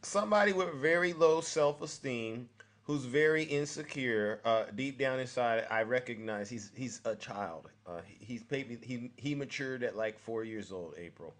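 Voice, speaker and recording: A man's voice: medium pitch, moderate pace, a bit bright. A man with an American accent hosting a casual political live stream like a showman, egging his guests on.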